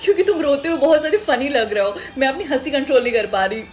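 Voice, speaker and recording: Snooty young woman with a high voice. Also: lively intonation, quick pace. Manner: snooty, mocking delivery. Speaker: comedy skit actor. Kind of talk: comedy skit acting.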